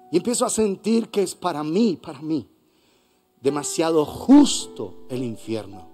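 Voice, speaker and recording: A man with a Colombian accent preaching a sermon as pastor, swinging between hushed and loud passages. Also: sits high. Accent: Colombian Spanish. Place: church hall.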